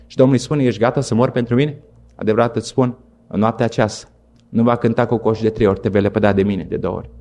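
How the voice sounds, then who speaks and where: Earnest man preaching a sermon. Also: a little mellow. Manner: earnest, emphatic preaching that rises and falls in pitch.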